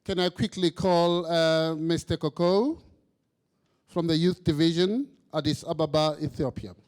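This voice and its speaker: A man acting as master of ceremonies at a conference, briskly calling the next speaker. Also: fairly high pitch, fairly even intonation, a little mellow. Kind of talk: formal event hosting.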